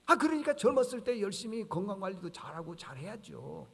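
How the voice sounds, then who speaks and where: A male pastor delivers a sermon in a high, carrying voice. He preaches conversationally, asks the congregation rhetorical questions and acts out dialogue. The church hall leaves a long reverb on every phrase. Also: sing-song, a little fast, creaky, breathy edge. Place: church sanctuary.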